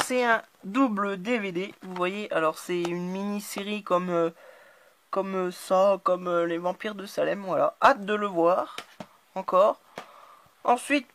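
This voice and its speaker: A woman talks through her recent purchases in a relaxed, hesitant way, often pausing and circling back to find her words. Her voice sits at a middle pitch and sounds dry and close, with no room echo. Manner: hesitant, constant filler words. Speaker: channel host. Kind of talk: casual DVD haul talk to camera.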